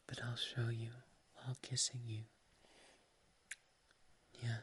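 A speaker performing an ASMR roleplay as a doting partner, whispering softly, close to the mic, affectionate and teasing. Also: mid-range voice, completely flat delivery, slow, a little hiss or hum. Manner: soft, intimate whispering.

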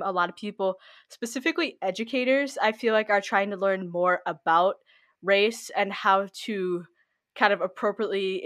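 A woman's voice: medium pitch, fairly bright tone. A young woman hosting an interview podcast, earnestly introducing the show and asking her guest questions. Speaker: podcast host.

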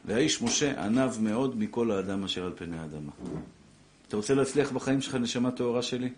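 Middle-aged rabbi, vivid storyteller with a moved, emotional delivery. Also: male voice, fairly low pitch, a little hiss or hum. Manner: animated storyteller, acts out quotes, grows emotional. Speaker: rabbi teaching a Torah class. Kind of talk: emotional religious lesson with storytelling.

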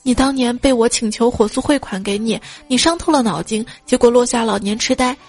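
A woman's voice: fairly high pitch, a little fast, a little mellow, breathy edge. A woman hosting a casual joke show, telling funny stories in a playful, giggly way. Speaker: podcast host.

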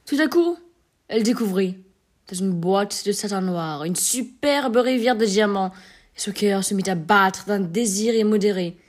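A woman narrating a classic short story in a measured, expressive reading. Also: mid-range voice.

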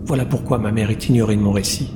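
A man's voice: on the low side, quick pace, close to an everyday voice. A man reading the part of a wounded, exhausted young woman doctor who speaks in a weary, curt inner voice. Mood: bitter. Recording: roomy long reverb, faint noise.

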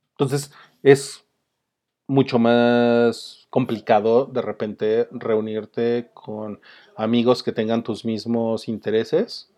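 A man's voice: mid-range voice, a little mellow. A Mexican man hosting a casual home monologue, rambling with many fillers and chuckling often. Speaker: host. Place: home, with a dog nearby.

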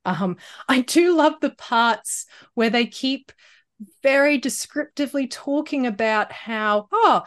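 A woman co-hosting a casual book podcast, chatty and quick to laugh, with hesitant fillers. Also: high-pitched. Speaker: podcast co-host.

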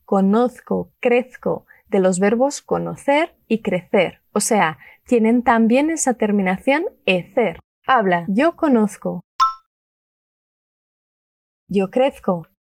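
A woman teaching a Spanish lesson, upbeat and enthusiastic, saying model phrases slowly and clearly for learners to repeat. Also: mid-range voice, lively intonation, darkish tone, dry recording, clean studio sound. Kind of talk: language lesson with repeat-after-me drills.

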